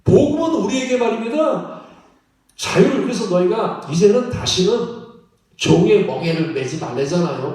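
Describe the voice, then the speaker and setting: A man preaching a sermon as pastor, animated and laughing often, often checking in with the congregation. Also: sits high. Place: church sanctuary. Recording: echoey church hall from far off.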